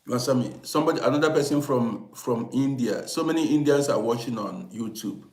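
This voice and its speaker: Brisk and medium-pitched with a slightly mellow quality, a 58-year-old host from Vienna tells stories on an informal livestream. He addresses viewers with emphasis, insistently repeating phrases, against echoey room acoustics.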